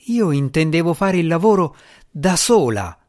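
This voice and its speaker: A man's voice: mid-range voice, lively intonation, normal speed, natural voice. Asmira, a man voicing a stern young woman. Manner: firm, pressing delivery. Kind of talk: audiobook character reading.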